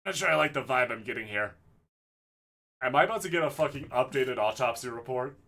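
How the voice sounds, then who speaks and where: A man streaming a courtroom game, commenting in a profane and excitable way. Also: mid-range voice, brisk, background noise.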